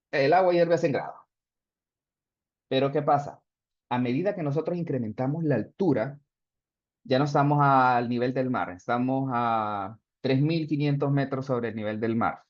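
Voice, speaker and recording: Over a video call, a male instructor with a medium-pitched, slightly mellow voice teaches an online class step by step, reading chat answers aloud. The audio is dull, with no room sound.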